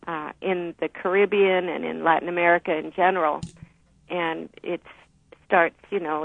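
A woman historian who grew up in the Dominican Republic, explaining history in a measured, thoughtful way as a radio guest. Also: on the low side, creaky, dry recording. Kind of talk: radio interview, phone-in guest. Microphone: telephone. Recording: tinny phone line.

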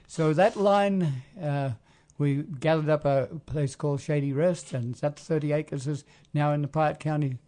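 A man talks casually as a community radio host. His voice is soft-edged and mellow, sitting a little high for a male. He rambles in a halting way, often searching for words. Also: fairly even intonation.

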